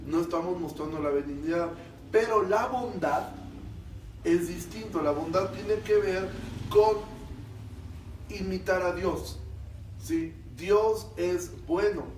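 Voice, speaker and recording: A Mexican pastor with a high voice leads a Bible class, explaining step by step and checking in with his class. He is heard from a distance in a reverberant room, with faint noise underneath. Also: takes it slowly, pauses often, a little mellow. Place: church meeting room. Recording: echoey room, voice from far off.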